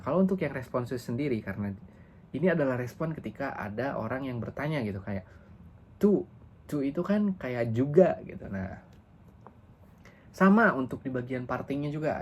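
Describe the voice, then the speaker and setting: A young male teacher explaining things to young students in a relaxed, talkative way. His pitch sits in an ordinary middle range. A faint hiss runs under the recording. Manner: chatty, leans on fillers like "gitu" and "kayak"; sings slow demo lines. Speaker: English teacher. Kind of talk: casual classroom teaching.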